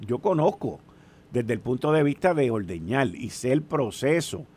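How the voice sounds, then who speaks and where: A man in his sixties with a Puerto Rican accent, chatting casually and telling stories in an animated way, often putting questions to the listener. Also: mid-range voice, normal speed, husky. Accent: Puerto Rican Spanish. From Puerto Rico. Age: 60s. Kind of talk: casual storytelling chat.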